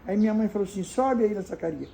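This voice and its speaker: A woman's voice: medium pitch, expressive, quick pace, vocal fry, warm tone, a little hiss or hum, low-quality recording. An older woman from Brazil telling childhood memories in a homely, casual way, acting out the dialogue of the people in her story. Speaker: storyteller answering viewer questions.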